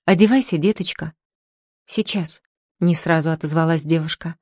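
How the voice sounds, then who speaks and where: A woman narrates an audiobook in a calm, steady reading with a lower voice. The recording is close and dry, with no room echo.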